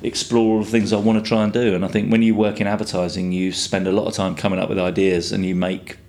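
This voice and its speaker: A man's voice: on the low side, flat delivery, fast talker, darkish tone. A man, chatting casually as a guest and telling rambling stories with plenty of swearing. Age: 50s. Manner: rambling storyteller, swears freely. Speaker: guest artist. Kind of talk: casual chat.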